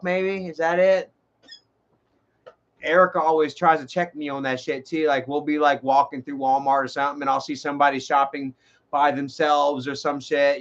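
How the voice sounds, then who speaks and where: A man's voice: fairly high pitch, fairly bright tone, highs cut off. A man, rambling and swearing in a casual live stream, often restarting his sentences. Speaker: livestream host.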